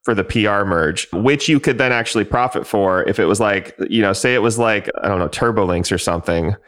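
A man's voice: fairly low pitch, fairly quick, a bit bright. A man chatting casually on a podcast, musing aloud with lots of fillers. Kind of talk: casual chat.

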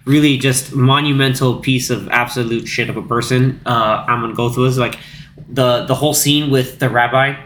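A man's voice: medium pitch, steady tone, normal speed, fairly bright tone, slight background noise. A man hosting a casual podcast about a film, rambling with lots of fillers and acting out lines in mock voices. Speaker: podcast host. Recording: roomy echo.

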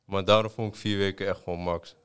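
Young man, very deep voice, flat delivery, hesitant with fillers, smooth clear tone. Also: fast. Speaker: student. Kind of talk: casual chat.

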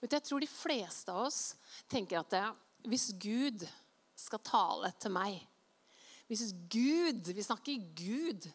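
Lively woman preaching in a reverberant hall. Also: mid-range voice. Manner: lively storytelling, acting out quoted voices. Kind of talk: sermon with anecdote and scripture reading.

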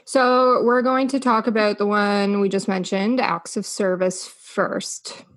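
A woman's voice: mid-range voice, fairly even intonation, takes it slowly. A woman co-hosting a podcast on a radio station, chatting playfully and laughing easily. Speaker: podcast co-host. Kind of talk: casual chat. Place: radio studio.

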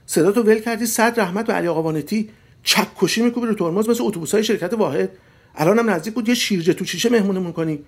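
A man voicing a sharp-tongued wife who needles and mocks her husband in a dry tone. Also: natural voice. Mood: scolding. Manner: dry, mocking, turns shrill and scolding.

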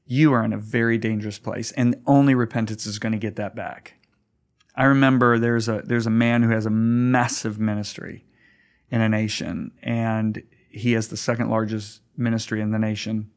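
A man's voice: lowish voice, level tone, moderate pace. A man, a guest pastor, talking earnestly in a conversational interview, often stammering and restarting as he tells stories.

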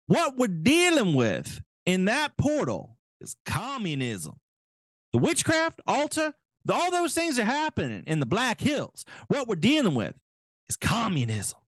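A man putting on the voice of a zealous male politician preaching about demons, in a high, overwrought, preachy delivery. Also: huge pitch swings, a little slow, no room sound, clean studio sound, full character voice.

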